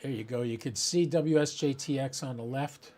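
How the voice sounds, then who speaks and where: A ham radio channel host with a darkish, medium-pitched voice speaks at a moderate pace as he gives viewers a casual live demonstration on his computer, working through his thoughts aloud.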